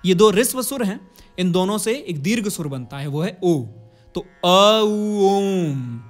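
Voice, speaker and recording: High-voiced man teaching a singing lesson. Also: expressive, moderate pace, a little mellow, faint music behind. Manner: explains step by step, then chants vowel drills. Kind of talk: vocal lesson.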